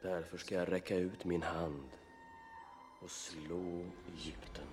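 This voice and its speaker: A man voicing God, deep and grave. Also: level tone, close to an everyday voice. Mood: reassuring. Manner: slow and grave, from hushed whispers to booming commands. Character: God, a deep, solemn, commanding divine voice. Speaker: God in an animated film dub. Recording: film soundtrack with loud music behind.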